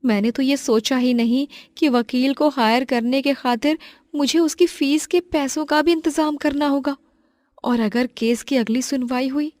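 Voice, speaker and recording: A woman's voice: high-pitched, a little mellow, no echo, studio quality, pitched above the performer's own voice. A woman playing a devout, loyal wife and mother in a moral story, earnest, determined and emphatic. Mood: worried. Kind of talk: acted Hindi moral story.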